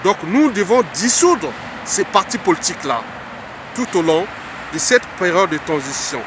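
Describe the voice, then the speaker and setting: A man's voice: high-pitched, big pitch swings, normal speed, background noise. A man from the Republic of the Congo giving an earnest, repetitive political address, speaking like an orator.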